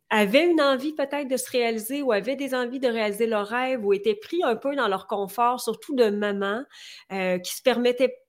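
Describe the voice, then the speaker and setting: A woman in her forties with a Quebec French accent, earnestly talking as a guest in an interview and firing off rhetorical questions. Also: on the high side. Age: 40s. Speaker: podcast guest. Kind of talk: conversational interview.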